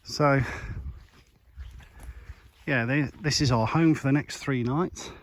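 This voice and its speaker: A man's voice: mid-range voice, slow pace. A man hosting a casual travel vlog, chatting and joking to the camera while outdoors at a campsite and on walks. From England. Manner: chatty, jokey, narrating to camera. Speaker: vlog host. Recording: outdoor recording with clear background noise.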